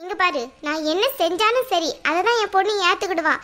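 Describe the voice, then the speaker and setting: A woman does cartoon voice acting as a harsh, scolding mother-in-law who barks commands. The voice sits very high, bright and forceful, with a brisk delivery.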